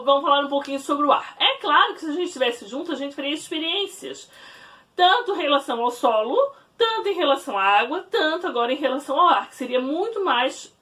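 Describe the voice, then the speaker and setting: Woman teacher recording a class at home, high and animated voice, a bit distant from the mic. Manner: warm didactic, explaining slowly to children with frequent "né?". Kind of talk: recorded remote class lesson. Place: at home, in her bedroom.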